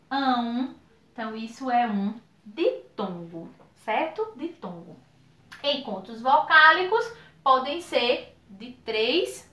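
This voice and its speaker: A woman's voice: sits high, reverberant. A woman from Brazil teaching a recorded video lesson for children, drawing out the words she spells. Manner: slow, drawn-out spelling of words, lively teacherly sing-song.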